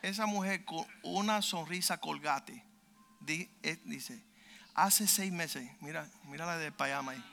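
A man's voice: on the high side, measured pace, creaky, sharp tone, faint music behind. A man preaching a sermon, telling a testimony with fervent emphasis and acting out what people said. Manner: fervent, emphatic storyteller who acts out quotes.

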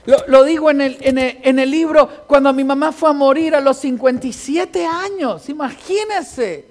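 A man preaching a sermon, telling personal stories with quoted dialogue and rising into impassioned, shouted exhortation. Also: extremely high pitch, moderate pace.

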